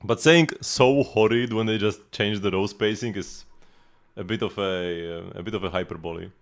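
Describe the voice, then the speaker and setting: A man's voice: lowish voice, moderate pace. Rambling male game streamer. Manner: rambling, restarts often, explains strategy. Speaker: livestreamer. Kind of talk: casual game commentary.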